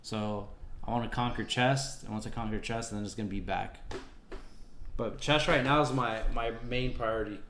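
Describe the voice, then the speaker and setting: A man's voice: fairly low pitch, moderate pace, fairly bright tone, a little hiss or hum. A young man co-hosting a casual chat, joking and swearing loosely through friendly banter. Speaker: podcast co-host. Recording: echoey room with faint ambience.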